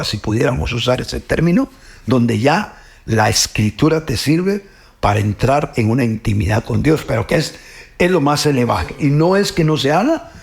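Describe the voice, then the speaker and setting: His voice a little high, gravelly and slightly mellow, a middle-aged Guatemalan man hosts a sincere, reflective talk about faith in Spanish. He repeats words often and finishes with "pues, ¿verdad?".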